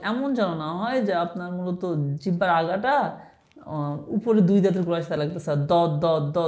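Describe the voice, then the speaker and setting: A woman teaching Arabic letter pronunciation in an online Quran class, patiently modelling each letter slowly and often checking with the listener. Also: fairly low pitch, dark tone. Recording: echoey room.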